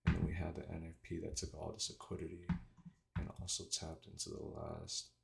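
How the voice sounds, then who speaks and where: A man with a slight lisp from wearing retainers gives casual, halting commentary, thinking aloud informally as he analyzes. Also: very deep voice, flat delivery, vocal fry, very noisy. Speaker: trader doing market analysis. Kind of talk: casual screen-share commentary.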